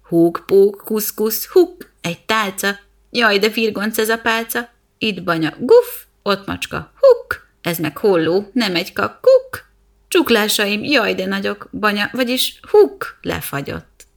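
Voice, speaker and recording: A woman's voice: medium pitch, sing-song. A woman voicing a flustered young cat who stammers a spell between hiccups.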